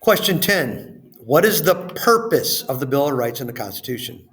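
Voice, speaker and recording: A very animated man with a medium-pitched, fairly bright voice reads a lesson and worksheet questions aloud as a teacher. His delivery is deliberate and instructional, stressing how phrases begin and trailing off where they end.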